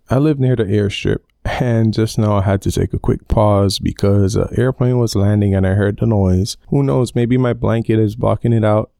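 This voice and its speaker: A man in his twenties hosts a rambling solo podcast from under a blanket in his bedroom. His voice is smooth and dry, with no room sound at all. He is hot and sweating under the cover. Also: lowish voice, warm tone, no echo. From Belize. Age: 20s. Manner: rambling, chatty, self-aware about going off topic. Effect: recorded under a blanket. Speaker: podcast host. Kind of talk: casual solo podcast chat. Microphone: home podcast mic under a blanket.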